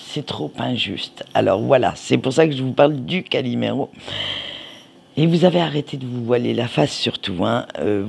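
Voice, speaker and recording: Gravelly, slow-talking man reading tarot. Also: mid-range voice, darkish tone. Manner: chatty and informal, with many fillers and asides to viewers. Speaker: tarot card reader. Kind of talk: casual tarot reading for viewers.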